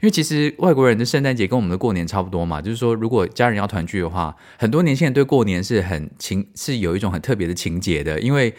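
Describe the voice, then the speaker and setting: A man with a Taiwanese Mandarin accent hosting a podcast in a chatty, expressive, casual solo style. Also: lowish voice, fast talker, hardly any pauses. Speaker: podcast host.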